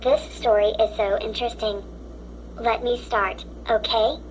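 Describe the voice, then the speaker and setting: A woman's voice: a little high, fairly even intonation, measured pace, a little hiss or hum, poor audio. A synthetic woman's voice with a robotic text-to-speech sound, reading children's stories aloud in a stiff, mechanical way. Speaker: story app narrator.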